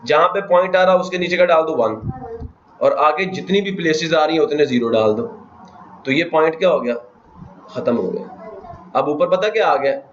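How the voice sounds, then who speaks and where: High-voiced male teacher in echoey classroom. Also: normal speed, pauses often, slight background noise. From Pakistan. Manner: keeps asking the class questions, counting aloud. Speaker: math teacher. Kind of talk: classroom lecture. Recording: echoey classroom, dull lo-fi sound.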